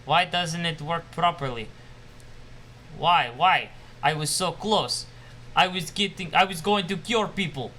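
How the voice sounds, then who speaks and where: A man's voice: fairly high pitch, unhurried, bright, forceful tone, slight background noise. A man doing a ranting mad scientist, fake Russian accent. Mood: desperate. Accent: put-on Russian. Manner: ranting, paranoid, self-pitying. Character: bitter, obsessive male scientist losing his mind.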